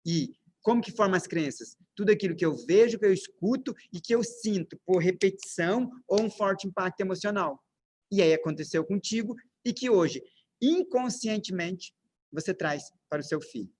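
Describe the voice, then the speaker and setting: A man with a high, light voice and a Brazilian Portuguese accent delivers a parenting lecture. He keeps asking the room questions and answers them himself, in the steady, emphatic way of a teacher walking through his slides. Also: moderate pace, slight background noise. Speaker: parenting speaker.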